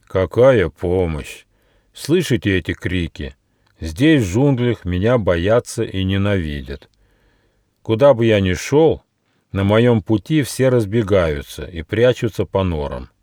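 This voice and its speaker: A man's voice: deep voice, animated, unhurried, no echo, studio quality. A man doing a lonely, grand old tiger king. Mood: bitter. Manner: weary, grand, loud. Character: big lonely feared male tiger, king of the jungle.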